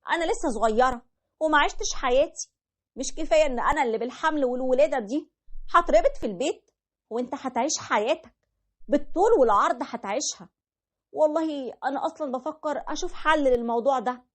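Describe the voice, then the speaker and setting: Woman as petulant young wife, Egyptian accent, high-pitched, complaining, fast. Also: close to an everyday voice. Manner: whiny, complaining.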